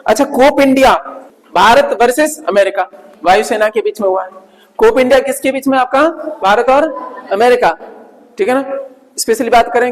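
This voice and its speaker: A male coaching teacher giving a revision lecture, asking his students questions and answering them himself, repeating key points as memory tricks. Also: very high-pitched. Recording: long hall reverb.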